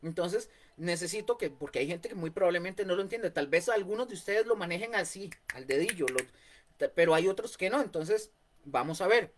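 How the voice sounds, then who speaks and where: A Costa Rican man teaching a Bible study in an explanatory way, repeating key points and often pausing on fillers. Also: high-pitched, expressive, background noise. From Costa Rica.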